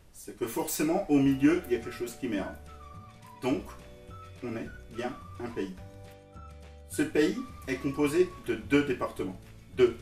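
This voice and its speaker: A man with an Alsatian French accent, from Alsace, delivering a teasing comic monologue to his viewers. His voice sits at an ordinary pitch and sounds a little far from the microphone. The room is echoey, with faint music behind him. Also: a little mellow. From Alsace, France. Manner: jokey, teasing, talks straight to viewers. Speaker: vlogger.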